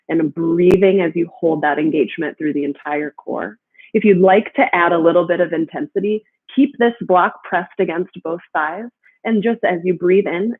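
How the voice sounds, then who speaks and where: A woman guiding a gentle yoga class in a soothing, encouraging manner. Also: fairly low pitch, breathy edge, narrow, tinny audio. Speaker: yoga instructor.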